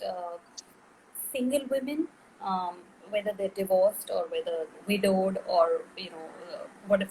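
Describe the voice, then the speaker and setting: A woman's voice: medium pitch, slight background noise, rough recording. A middle-aged woman, a film director being interviewed, speaking thoughtfully with frequent fillers and restarts. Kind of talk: interview conversation.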